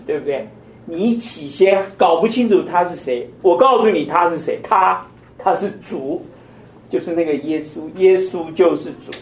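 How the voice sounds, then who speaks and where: A man's voice: on the high side, a little mellow, a little hiss or hum. An older man teaching a conversational Bible study, asking his listeners many questions. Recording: echoey room, mic at a distance.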